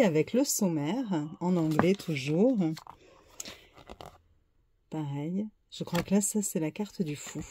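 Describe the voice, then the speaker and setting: A French-speaking woman with a fairly low, dark voice casually shows off and describes a tarot deck, unboxing-style. She sounds hesitant, filling pauses with "euh" and "hein," over slight background noise.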